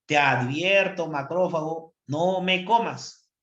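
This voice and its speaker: A man's voice: on the high side, takes it slowly, a bit bright, dull audio. A male teacher voicing a doomed bacterium that pleads and warns not to be eaten, in a roomy echo. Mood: pleading. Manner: pleading, warning.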